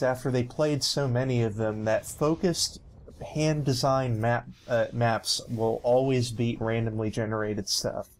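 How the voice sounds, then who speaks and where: A young man talks through a video game with friends in an easy, meandering way. He fills his sentences with ums and restarts and breaks into laughter often. His voice sits in an ordinary middle pitch. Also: darkish tone. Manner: rambling, with many fillers and restarts, laughs often. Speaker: let's play commentator. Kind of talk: casual gaming commentary.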